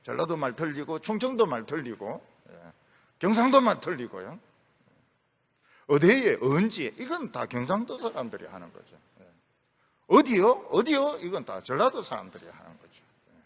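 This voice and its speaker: A man's voice: a little high, wildly swooping pitch, fairly quick, creaky, a bit bright, breathy edge. A middle-aged man preaching a sermon as a pastor, telling stories with humor and acting out quotes. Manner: storytelling with acted quotes and humor, voice rising and dropping sharply.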